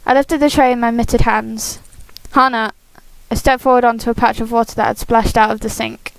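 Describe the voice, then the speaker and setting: A woman hosting a game playthrough, reading a visual novel aloud expressively with casual asides, animated and giggly. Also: a little high, normal speed, creaky, clear, resonant tone, no room sound, poor audio. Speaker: host of a game playthrough series.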